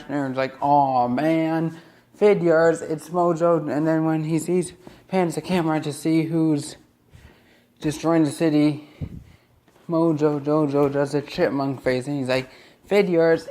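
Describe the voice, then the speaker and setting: A man's voice: on the high side, darkish tone. Guy ranting about a cartoon, rambly, keeps restarting his sentences. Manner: rambling, with many restarts and quick asides. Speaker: cartoon reviewer. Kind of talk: casual review rant.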